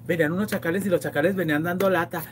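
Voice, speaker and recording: A woman's voice: on the low side, fairly even intonation, very fast, noisy background. A woman with a Mexican accent hosting a livestream, chatting, teasing and reading viewer comments in a playfully crude way. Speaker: livestream host.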